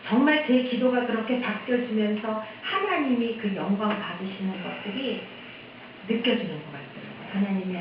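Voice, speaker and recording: A woman's voice: mid-range voice, background noise. A woman missionary from Korea giving a candid, chatty testimony at a church service. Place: church sanctuary. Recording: echoey hall, distant dull mic.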